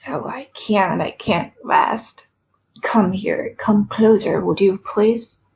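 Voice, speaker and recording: A woman voicing a frail, dying male writer who speaks in a soft, half-whispered, weary and rambling way. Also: medium pitch, slow pace, vocal fry, breathy edge, heavily acted. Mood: wistful. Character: frail dying middle-aged male writer, self-deprecating.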